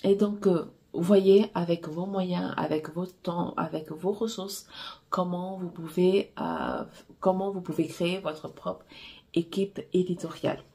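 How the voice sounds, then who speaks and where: A romance novelist coaching writers, whose first language is Portuguese, offers candid advice in a casual, halting way. Her voice is on the low side and dark, with lively intonation and a measured pace.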